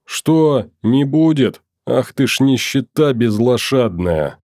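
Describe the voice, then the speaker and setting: A man voicing an angry, nagging wife who shouts and scolds in an audiobook. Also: medium pitch, animated, takes it slowly, no echo, studio quality. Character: furious nagging wife, young woman.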